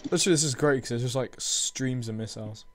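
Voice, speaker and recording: A man's voice: medium pitch, quick pace. A young man co-hosting a gaming video, bantering and teasing in casual chat. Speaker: gaming channel co-host.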